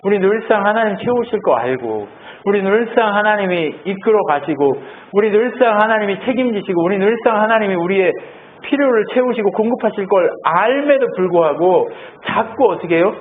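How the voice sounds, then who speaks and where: A male pastor giving a sermon, talking in a lively way and asking the congregation questions. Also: high-pitched, brisk. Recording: tinny phone-like sound, faint noise.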